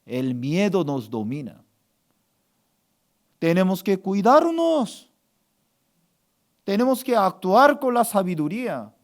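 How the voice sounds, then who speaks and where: A man's voice: sits high, sing-song, slow, long pauses. A male pastor preaching a sermon with emphatic call-and-response, asking the congregation to repeat after him.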